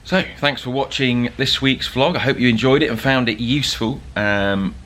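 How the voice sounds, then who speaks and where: A man's voice: medium pitch, moderate pace, a bit bright. A young man hosting a casual vlog, chatty and joking with plenty of fillers. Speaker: vlog host. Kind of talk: casual vlog chat to camera.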